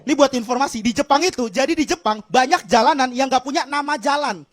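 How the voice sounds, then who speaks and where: A man's voice: extremely high pitch, fast talker. A man with a Jakarta Indonesian accent performing stand-up comedy as an escalating rant, exclaiming and acting out bits of dialogue.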